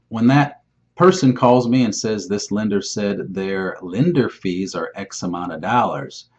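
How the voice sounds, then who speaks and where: A mortgage lender gives an informal explainer in a low, slightly mellow voice, plain-spoken and emphatic, often asking questions and answering them himself. The sound is dull, muffled and lo-fi.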